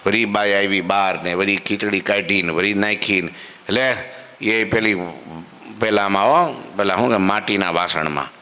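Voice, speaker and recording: Male devotional storyteller, bright and animated, acts out the characters, long hall reverb. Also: fairly low pitch, normal speed. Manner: lively storyteller who acts out characters and asks rhetorical questions.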